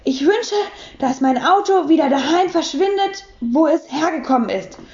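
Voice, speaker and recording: A woman voicing a timid, meek man who speaks breathlessly and high. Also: lively intonation, normal speed, darkish tone, roomy sound, dull audio.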